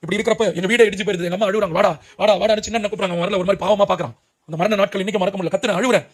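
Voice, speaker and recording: Rapid, high-voiced impassioned male preacher. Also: fairly even intonation. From Puducherry, India. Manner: emotional, urgent, cries out to young listeners. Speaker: preacher giving his testimony. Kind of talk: impassioned testimony sermon.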